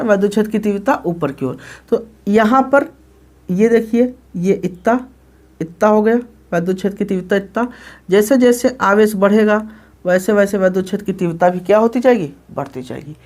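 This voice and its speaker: A man's voice: high-pitched, darkish tone. A male physics teacher lecturing a class, who repeats himself, asks questions and answers them, and often checks that the students follow. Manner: calls the students "children" and checks "okay?" often. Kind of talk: classroom lecture explaining graphs.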